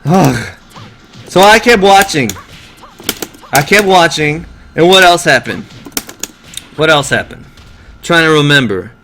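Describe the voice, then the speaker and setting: A high-pitched man rants to his stream in a bright, sharp voice, swearing freely and sounding fed up. He tells his story in an animated way, and faint music plays behind him. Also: unhurried, pauses often. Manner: profane, exasperated, animated storytelling. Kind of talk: casual rant to a live stream.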